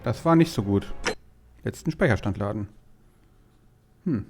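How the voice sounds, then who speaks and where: A man's voice: on the low side, animated, measured pace, a little mellow. A man playing a video game, thinking aloud and reading out his dialogue choices in a pensive way. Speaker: let's player. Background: game music.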